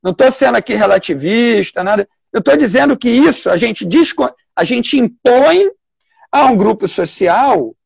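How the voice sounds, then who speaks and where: Lecturing live online, a Brazilian-accented public defender walks through points one at a time, stopping to think and starting phrases over. He sounds very high-pitched, animated, gravelly and husky, in a dry room without echo.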